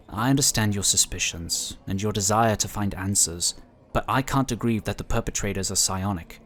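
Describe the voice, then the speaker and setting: Voicing a calm psionic-order inquisitor for a sci-fi audio drama, this man uses his natural, fairly low voice. His manner is formal, courteous and measured as he lays things out, though his mood is firm and defensive.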